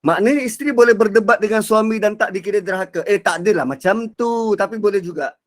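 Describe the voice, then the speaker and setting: A male religious teacher, lecturing on a Quran passage. His voice sits fairly high for a man. He moves between hushed, low moments and loud, lively emphasis. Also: fast. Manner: expressive, acts out quotes, shifts between soft and loud.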